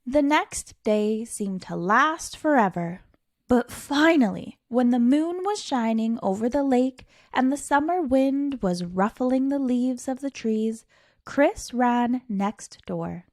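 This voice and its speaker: A storytime reader, a woman with a fairly high voice, reads a picture book aloud to young children in a theatrical, unhurried way, drawing out key words and pausing for drama. Her delivery is expressive and a little mellow. The recording is close and dry.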